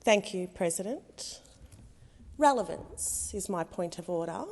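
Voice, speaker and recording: A woman's voice: fairly low pitch, animated, unhurried, vocal fry, a little mellow. A woman with an Australian accent raising objections as a senator in debate, in insistent, pointed, short phrases. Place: large parliamentary chamber. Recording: echoey chamber with long reverb.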